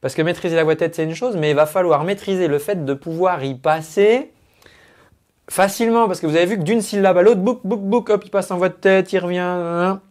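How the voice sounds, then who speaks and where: A man with a high, darkish voice talks a little fast as he analyzes a singer's technique. As a vocal coach at his computer microphone, he keeps it chatty and explanatory and leans on singing jargon.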